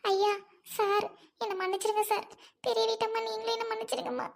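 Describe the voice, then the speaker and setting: A guilt-stricken young maid , put on by a woman, pleads for forgiveness in a thin, very high voice. Her words come in a flat, tearful run with little rise and fall, played as melodramatic serial acting. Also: a little fast, vocal fry, slight background noise, full character voice. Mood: remorseful. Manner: tearful confessing.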